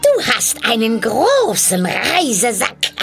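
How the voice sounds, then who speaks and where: A woman voicing an ugly, sly old witch with a croaking voice, in a cackling, drawn-out sing-song. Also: fairly high pitch, wildly swooping pitch, soft background music, voice pushed up, exaggerated voice. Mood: coaxing. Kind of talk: storybook reading.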